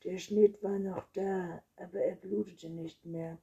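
A woman with a very breathy voice narrating a children's storybook in a soft, half-whispered reading. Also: fairly low pitch, steady tone, a little slow, highs cut off. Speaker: audiobook narrator.

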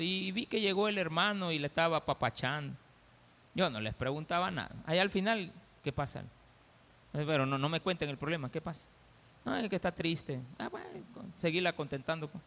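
A man's voice: a little high, fairly bright tone. A male pastor with a Salvadoran accent preaching a sermon in a church, folksy and teasing as he acts out little everyday scenes. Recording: church hall reverb.

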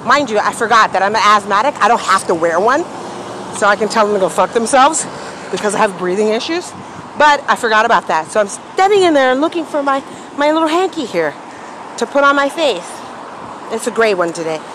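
A woman's voice: a little high, expressive, fairly quick. A slightly tipsy woman telling stories in a rambling, profane monologue while walking outdoors. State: a little tipsy. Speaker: podcast host. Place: outdoors on a city street. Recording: street noise with passing traffic.

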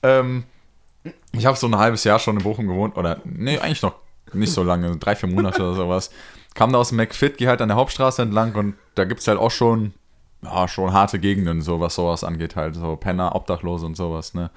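A man's voice: low-pitched, fairly even intonation, a little fast. A young man casually telling a rambling anecdote on a podcast, full of slang and fillers. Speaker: podcast co-host. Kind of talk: casual storytelling.

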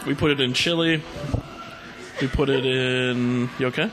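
A man's voice: mid-range voice, fairly even intonation, measured pace, poor audio. A man speaking as a hot sauce maker in casual, laid-back product chat with brief remarks. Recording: loud music behind the talk. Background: music.

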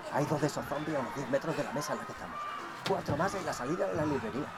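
A man's voice: on the high side, very fast, lightly acted. An actor playing a determined man who gives survival orders to a group. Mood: commanding. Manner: commanding, giving orders.

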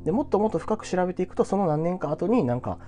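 A man talks quickly and bluntly, his pitch swinging up and down as he chats. His voice is dark and mellow, with faint guitar music behind him. He sounds sure of himself and keeps it casual. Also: expressive. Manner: blunt, self-assured, chatty with frequent tag particles. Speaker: entrepreneur giving career advice. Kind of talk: casual solo talk to viewers.

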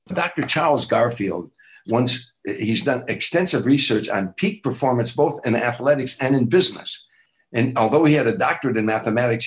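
A man's voice: medium pitch, low-quality recording. An older man, an author and teacher, giving an earnest motivational talk in an interview, repeating affirmations with emphatic lifts on key phrases. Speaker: guest speaker, author and teacher.

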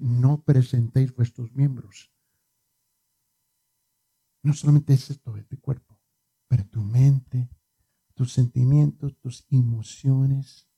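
A man's voice: medium pitch, gravelly, dark tone, breathy edge. A male preacher giving a conversational sermon, repeating words for emphasis and joking with his congregation.

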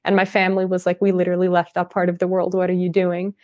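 A woman's voice: fairly low pitch, completely flat delivery, quick pace, darkish tone, no room sound, lo-fi sound. Chatty woman. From Russia, raised in California. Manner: chatty storytelling, lots of "like". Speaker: podcast guest, business owner. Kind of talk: casual podcast interview.

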